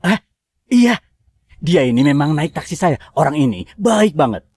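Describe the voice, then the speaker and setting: A man's voice: a little high, big pitch swings, moderate pace, a little mellow, slightly rough, dry recording, studio quality. A man playing an honest, flustered taxi driver in a melodramatic short drama. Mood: earnest, surprised.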